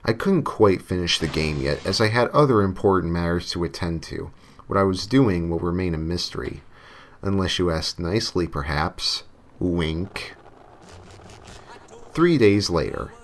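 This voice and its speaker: There's slight background noise as a man with a deep voice narrates a scripted story at a measured pace. He reads it tongue-in-cheek, sometimes hamming it up, over a backdrop of novelty songs and game music.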